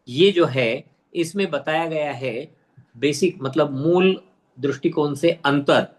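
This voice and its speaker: A man leading an online teacher-training lesson. He explains step by step, asks and answers his own questions, and drills careful pronunciation. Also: a little high. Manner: drills careful pronunciation, repeating words slowly. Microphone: video call.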